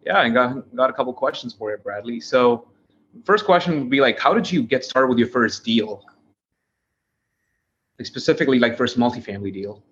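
A man's voice: mid-range voice, lively intonation, moderate pace, a bit bright. Man on a dull, lo-fi line. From India. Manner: earnest, filler-heavy with frequent likes. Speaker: real estate investor guest. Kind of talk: casual interview answer. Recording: dull lo-fi sound with faint noise.

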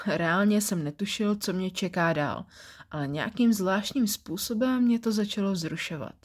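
Woman reading a story aloud. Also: mid-range voice. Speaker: podcast story reader.

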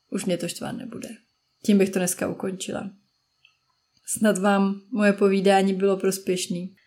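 Chatty Czech mom talking casually. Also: female voice, mid-range voice, darkish tone. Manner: chatty, acts out friends and children in quick asides. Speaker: parenting podcast host. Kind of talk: casual solo talk.

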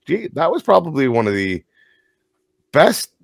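A man's voice: fairly high pitch, measured pace, vocal fry, no echo, studio quality. A man in his thirties co-hosting a casual podcast, telling stories and laughing often. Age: 30s. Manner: animated storyteller, laughs often. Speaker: podcast co-host, tow operator. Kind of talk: casual chat.

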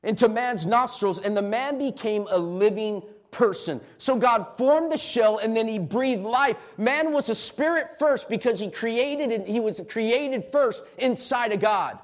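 A pastor preaching a sermon in a church and calling on the congregation to answer back. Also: male voice, extremely high pitch, measured pace, few pauses. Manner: call-and-response preaching, rising to shouts. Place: church sanctuary.

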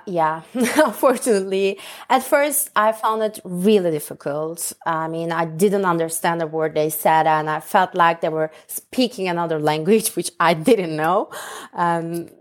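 A woman's voice: lowish voice, a little slow. A woman in her thirties from Turkey, a Turkish native speaker, answering interview questions in English with a hesitant, filler-heavy manner. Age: 30s. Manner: hesitant, frequent "uh", laughs easily. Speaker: interview guest, English student. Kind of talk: casual interview chat.

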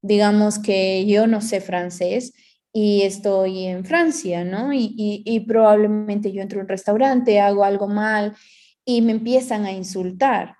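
A woman's voice: medium pitch, unhurried, dark tone. A woman in casual reflective conversation, explaining ideas through everyday analogies and acting out inner voices.

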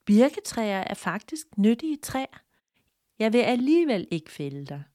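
A woman's voice: on the high side, very animated, mellow, no room sound, clean studio sound. A woman voicing a lazy but good-natured young male woodcutter. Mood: plain.

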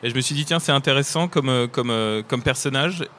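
Hesitant French illustrator, faint room noise. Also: male voice, mid-range voice, brisk, a bit bright. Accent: French from France. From France. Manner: hesitant, many fillers. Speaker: comic illustrator. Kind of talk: casual talk to children.

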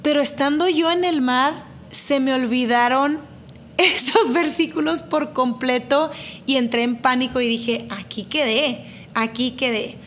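A woman's voice: high voice, unhurried, a little hiss or hum. A woman, casually telling a personal story to camera, dramatic and self-mocking, repeating phrases for emphasis. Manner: lively, dramatic retelling with self-deprecating laughs.

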